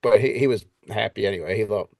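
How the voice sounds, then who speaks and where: A man's voice: fairly low pitch, quick pace, gravelly. A middle-aged man chatting casually about coaching his son, rambling and laughing often. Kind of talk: casual conversation.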